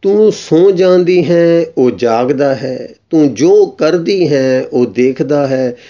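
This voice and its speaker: A man voicing a calm, wise holy man who speaks slowly and solemnly in a story reading, recorded a bit dull. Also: fairly high pitch.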